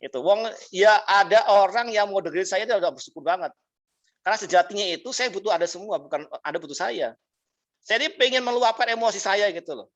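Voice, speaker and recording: A man teaching a business class as a mentor, telling stories in an animated way, laughing often and acting out the people he quotes. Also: high voice, fast, muffled recording. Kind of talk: motivational storytelling talk. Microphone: video call.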